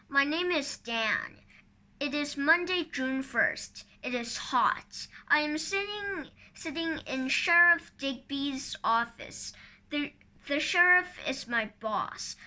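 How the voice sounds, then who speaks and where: Woman reading a children's storybook aloud, careful, slow, high and bright. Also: animated. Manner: careful, halting over some words. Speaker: storybook reader.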